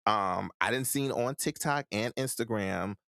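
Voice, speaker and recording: Podcast host guy, deep-ish voice, swears a lot, venting about stuff. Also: a little slow, vocal fry, fairly bright tone, no echo, studio quality. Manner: profane, emphatic ranting. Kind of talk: casual podcast chat.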